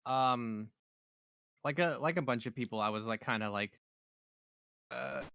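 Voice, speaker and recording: A man's voice: medium pitch, a little slow, creaky, bright, forceful tone, clear, resonant tone, no echo. A man who works as a voice actor, chatting casually and swearing freely in a group commentary.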